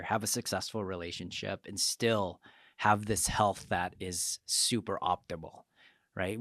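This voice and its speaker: A man's voice: on the low side, no room sound, clean studio sound. A man hosting a podcast in casual conversation, affirming his guest often with short agreements. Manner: affirming, frequent backchannel agreement. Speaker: podcast host.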